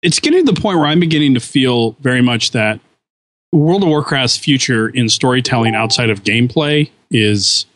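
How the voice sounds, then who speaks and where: A man co-hosts a casual podcast, speaking enthusiastically and rambling with frequent sentence restarts. His medium-pitched voice is expressive and a bit bright, at normal speed, with no room sound.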